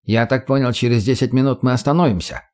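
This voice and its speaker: A man's voice: medium pitch, fast, a little mellow, lightly acted. Man doing a foul-mouthed dim-witted brawler. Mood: crude. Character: crude slow-witted male fighter, swaggering.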